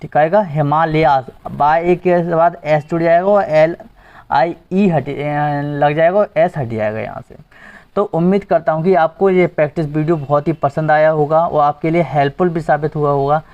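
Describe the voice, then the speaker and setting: A man's voice: fairly high pitch, moderate pace. A male teacher giving an exam-prep grammar lesson, asking the class questions and repeating the answers. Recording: dull lo-fi recording.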